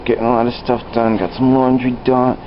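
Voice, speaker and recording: A man's voice: medium pitch, flat delivery, brisk. A man casually rambling through a home video vlog with easygoing restarts, recorded as old camcorder audio. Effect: old camcorder audio, dull and hissy. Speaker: vlogger. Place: his house, indoors and out front. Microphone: built-in camcorder mic, handheld. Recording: hissy lo-fi old camcorder sound.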